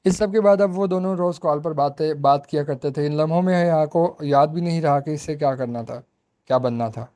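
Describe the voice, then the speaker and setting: Male narrator, mellow and slightly high, reading a novel. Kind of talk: reading a romance novel aloud.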